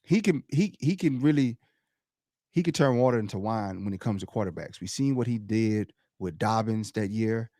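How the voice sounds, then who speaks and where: Animated man chatting about football. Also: lowish voice, normal speed, dry recording, studio quality. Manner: animated, laughs often, loud shouted impressions of the crowd. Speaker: podcast co-host. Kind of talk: casual sports chat.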